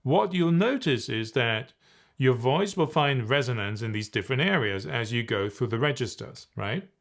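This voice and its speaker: A man coaching viewers on speaking expressively, teaching in a playful, animated way and demonstrating vocal exercises. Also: medium pitch, gravelly. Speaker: presentation coach.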